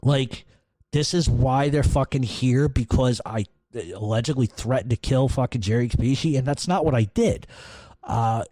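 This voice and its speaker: A man's voice: medium pitch, warm tone, dry recording. A man telling a story in a blunt, profane, casual way, as a podcast host.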